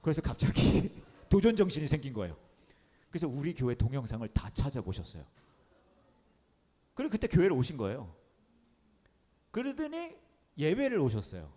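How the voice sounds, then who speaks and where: A man preaching as a pastor, telling a funny story in a lively, comic way and repeating words for effect. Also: fairly high pitch, moderate pace, long pauses. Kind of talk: storytelling sermon. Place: underground church hall. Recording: long hall reverb.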